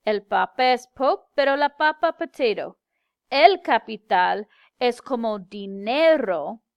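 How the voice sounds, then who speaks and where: Slow, clear-spoken woman teacher. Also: a little high, no echo. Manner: slow, careful, clearly enunciated explanation with English glosses. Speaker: Spanish teacher. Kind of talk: slow classroom grammar lecture.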